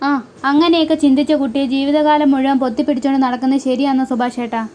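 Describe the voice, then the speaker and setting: A woman's voice: sits high, little pitch movement, fast talker, mellow, natural voice. A woman doing a persuasive wife. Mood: pleading. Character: supportive wife pleading with her husband.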